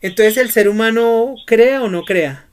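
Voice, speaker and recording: A man's voice: very high-pitched, unhurried, slight background noise. A man teaching a Bible study lesson who keeps asking his students questions and prompting their answers.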